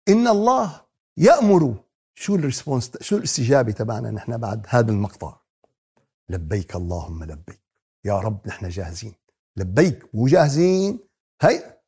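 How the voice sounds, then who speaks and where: A man teaching Quran commentary. He asks the audience questions, answers them himself, and addresses the listeners warmly. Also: medium pitch, very animated, fairly quick, husky. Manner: talks to the audience as "beloved ones" in a warm teaching tone.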